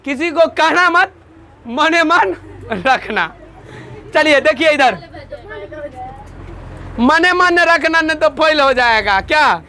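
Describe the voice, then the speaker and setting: A man's voice: very high-pitched, lively intonation, takes it slowly, pauses often, bright, forceful tone, some chatter behind. A man teaching a class, drilling lists by call-and-response and joking with students. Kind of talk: classroom lecture with memory tricks.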